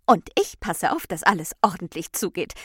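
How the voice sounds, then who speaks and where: A woman's voice: on the low side, lively intonation, normal speed, fairly bright tone, husky, dry recording, studio quality. A woman voicing a watchful female personification of Attention in a storybook, speaking urgently and eagerly. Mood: alert.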